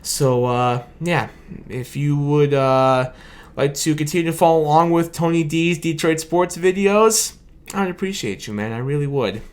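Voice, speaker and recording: A young sports video host, worn out and losing his voice late at night, wanders through a long, grateful outro to his post-game reaction monologue. He speaks a little high and a little slowly, recorded on a camera mic with his own light.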